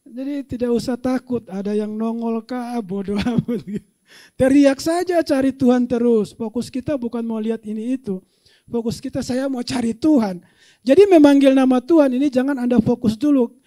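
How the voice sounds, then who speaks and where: At a moderate pace, a male pastor delivers an animated sermon. He climbs to loud shouts and laughs often, then drops low for quiet asides.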